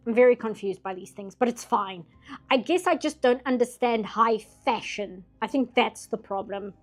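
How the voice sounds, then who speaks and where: Late at night, a woman from Britain rambles and laughs a lot while drawing on stream, her voice growing a little hoarse. She talks at a moderate pace in a fairly high pitch, with faint music in the background.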